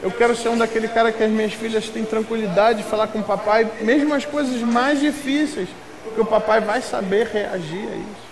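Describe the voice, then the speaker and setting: Carioca male pastor, emphatic sermon, very high pitch, faint hiss under long church reverb. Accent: Carioca Brazilian Portuguese. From Rio de Janeiro, Brazil. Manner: emphatic, builds to loud outbursts. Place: church sanctuary.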